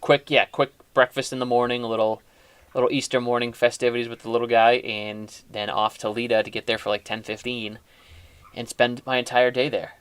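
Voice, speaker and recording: A man's voice: medium pitch, level tone, fairly quick, fairly bright tone, clean tone, dry recording. A man hosting a casual chat, talking in a chatty, rambling way with frequent restarts. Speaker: host.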